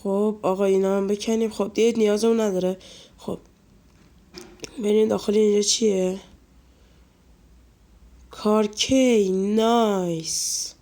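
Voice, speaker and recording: Man, stuffy nasal voice with some fry, casual let's-play YouTuber chatting to his viewers. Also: sits high, flat delivery, long pauses, dark tone. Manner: chatty, talks to viewers and scolds game characters. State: nasal from a cold. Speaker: gaming YouTuber.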